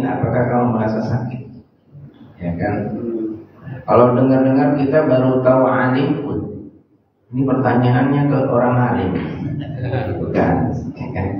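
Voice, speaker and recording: A man giving a religious lesson, slowly explaining Arabic words and repeating each term before he translates it. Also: mid-range voice, a little hiss or hum. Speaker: Quran teacher. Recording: echoey hall, far from the mic, dull.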